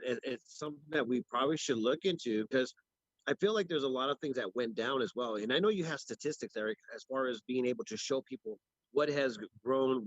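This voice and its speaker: A man's voice: mid-range voice, no echo. Rambling man on a muffled phone stream. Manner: rambling, many restarts and fillers. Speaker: co-host of a local news livestream. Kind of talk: casual ad-libbed chat.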